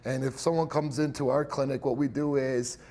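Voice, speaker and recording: He's a young man of Italian heritage working in hearing care, and his medium-pitched, darkish voice moves fairly quickly with a level tone. Giving interview answers, he explains his clinic conversationally, using many fillers and light laughs.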